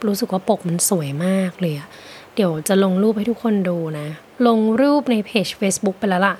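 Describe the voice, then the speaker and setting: A woman co-hosting a casual book podcast, opening with a gentle, slow guided scene before chatting about the book. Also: mid-range voice, slight background noise. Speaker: podcast co-host.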